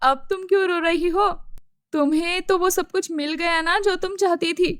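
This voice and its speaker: A woman voicing a kind young girl who gently questions her friend in a cartoon story. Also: extremely high pitch, steady tone, normal speed, dry recording, clean studio sound. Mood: reproachful.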